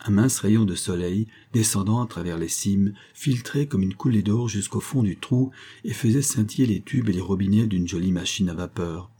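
A man reads a classic adventure novel aloud in a measured, steady narration. His voice sits low and carries a husky, breathy grain. The tone is dark and mellow. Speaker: audiobook narrator.

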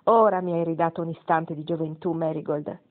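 A spirited old grandmother on her deathbed speaks with dry, satirical wit, as a woman reads her part. Her voice sits on the low side. The recording is thin and tinny, like a phone line, in a storybook reading. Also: steady tone, brisk, natural voice. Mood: wry. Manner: wry, satirical. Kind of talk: audiobook reading.

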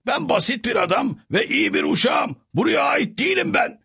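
A man voicing a nervous, fussy middle-aged squire in a storybook reading, high and fretful. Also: sing-song, moderate pace, gravelly, bright, forceful tone, husky, heavily acted. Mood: resolved. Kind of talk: storybook character voice.

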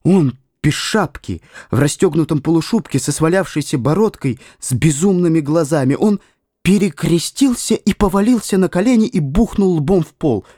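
A man narrating a literary audiobook in a measured, expressive way. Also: on the high side, no room sound, studio quality. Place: studio.

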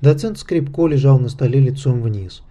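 A man narrating an audiobook of a fantasy mystery in a measured, steady reading. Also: medium pitch. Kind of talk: scripted narration.

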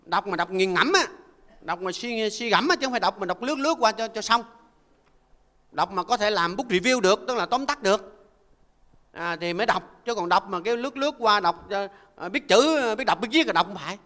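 An older Buddhist monk gives a folksy, conversational dharma talk and keeps asking listeners to agree. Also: male voice, high voice, animated, fairly quick, bright, forceful tone, big-room sound. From Vietnam. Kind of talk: conversational sermon.

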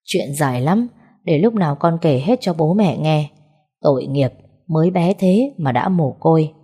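A woman's voice: sits low, expressive, moderate pace, warm tone, slightly rough, exaggerated voice. A woman reading the lines of a young bachelor who jokes with his parents and soothes a child. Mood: easygoing. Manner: casual, joking. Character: young single man, easygoing and teasing.

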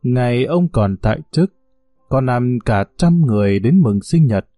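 A man narrating short stories in a measured storytelling manner. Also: dry recording, soft background music. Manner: measured storytelling, lively pitch. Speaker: audiobook narrator.

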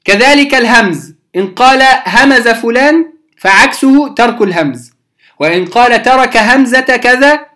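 Patient teacher for a beginner recitation-rules lesson, measured delivery, repeats key terms, checks in often. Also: medium pitch, animated, pushed and bright. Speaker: teacher of Quranic readings.

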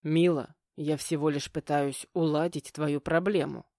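A man's voice: on the high side, steady tone, a little slow, warm tone, no echo, studio quality. A woman voicing a stern middle-aged stepfather who lectures curtly. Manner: curt, lecturing.

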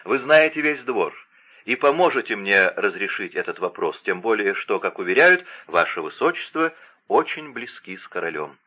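A man's voice: on the low side, very animated, normal speed, breathy edge, dull audio, full character voice. A man reading an audiobook voices a respectful, restrained young count who is secretly in love.

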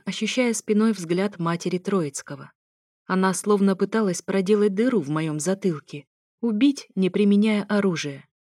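A woman's voice: mid-range voice, dark tone, no echo. A young woman narrating an audiobook in the first person, in a wry, ironic tone, close to the mic.

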